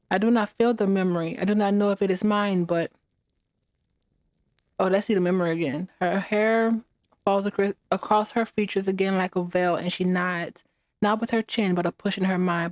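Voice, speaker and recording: A woman reading a fantasy game's text aloud during a let's play, with halting restarts and short reactions of her own. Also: mid-range voice, a little mellow, no echo, lo-fi sound.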